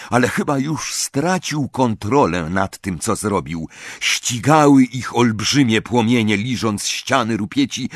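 A man's voice: medium pitch, a bit bright, dry recording, studio quality. A man narrating an audiobook with dramatic, varied storytelling. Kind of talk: expressive audiobook reading.

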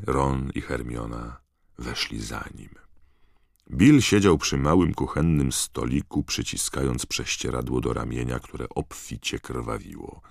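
A man narrating an audiobook in a low, measured way. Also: gravelly, dry recording, clean studio sound. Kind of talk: scripted narration.

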